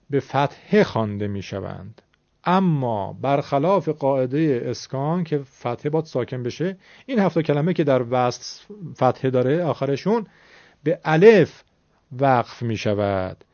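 A man's voice: medium pitch, lively intonation, darkish tone, dry recording. A man teaching a recitation lesson, explaining the rules patiently and repeating words so learners can follow. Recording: dull lo-fi sound.

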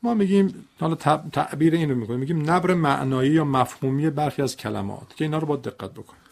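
Gravelly male recitation teacher. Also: on the high side, darkish tone. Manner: corrective, demonstrative, repeats examples. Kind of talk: recitation lesson dialogue.

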